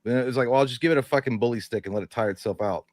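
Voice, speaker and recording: A man's voice: mid-range voice, racing, darkish tone, no echo. A man co-hosting a live stream, rambling through stories with heavy swearing. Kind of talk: casual crude banter.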